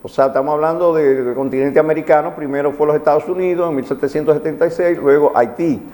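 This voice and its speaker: Fast and mellow, with a slightly high voice and fairly even intonation, a magistrate from the Dominican Republic explains legal questions on a television programme in a didactic way, repeating his key points. He has a Caribbean Spanish accent, and the audio has a hall-like reverberance.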